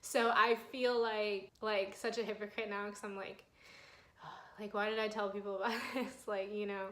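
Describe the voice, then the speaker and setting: A woman's voice: mid-range voice, flat delivery, moderate pace, a bit bright. Young woman, 20s, candid phone vlogger, emotional and rambling, echoey room sound. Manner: flustered, fighting back tears, filler-heavy. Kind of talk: personal health vlog. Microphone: phone camera mic.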